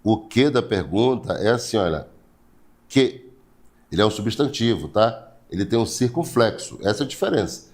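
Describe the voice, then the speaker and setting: A man's voice: lowish voice, lively intonation, normal speed. A Brazilian man teaching an online writing class, repeating key points step by step and reading viewers' names. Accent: Brazilian Portuguese. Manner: repetitive, explains step by step, asks rhetorical questions; greets viewers by name, blesses them.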